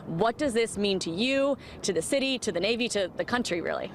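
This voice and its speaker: Female field reporter, upbeat live outdoor segment, mid pitch, faint rumble behind. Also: lively intonation, a little fast. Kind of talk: live news report and interview. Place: outdoors at a riverside venue.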